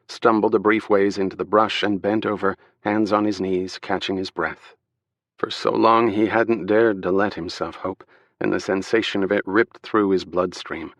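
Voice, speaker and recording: A man narrates a thriller in a measured, steady read. His voice is very low, and the recording is dry and close, with no room sound. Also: no echo. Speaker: audiobook narrator. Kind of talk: scripted narration.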